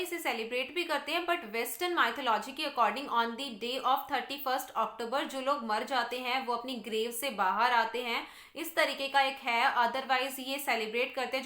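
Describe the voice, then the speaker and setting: A woman teacher reads summary lines slowly, then explains them in Hindi. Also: sits high, fairly bright tone, echoey room. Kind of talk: literature lesson explaining a novel.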